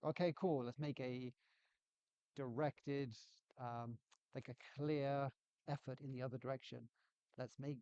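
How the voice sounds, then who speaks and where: A man's voice: mid-range voice, darkish tone, dry recording. A man giving a casual lecture on game development, chatty and self-deprecating, acting out quotes. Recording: dull, slightly lo-fi sound.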